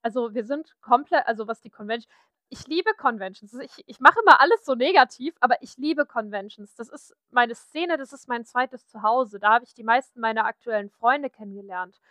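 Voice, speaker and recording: A woman's voice: on the high side, normal speed, fairly bright tone, no room sound. A woman from Saxony talking frankly and chattily in a casual podcast conversation. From Saxony, Germany. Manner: frank, chatty, many fillers.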